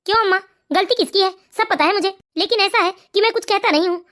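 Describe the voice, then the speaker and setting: Someone playing a squeaky fast cartoon husband, earnest, peacemaker type, pleads a lot. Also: pushed and bright. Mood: pleading. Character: grown son and husband, calm peacemaker. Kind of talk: animated moral story voice acting.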